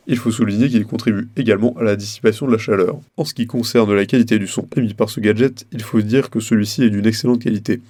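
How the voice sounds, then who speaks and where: A man's voice: fairly low pitch, warm tone, no room sound. A man presenting a product review as scripted narration, in a formal, read-out way.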